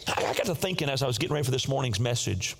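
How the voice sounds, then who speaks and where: A man's voice: medium pitch, lively intonation, very fast, a bit bright. A male pastor preaching a sermon at a church service, emphatic and full of rhetorical questions.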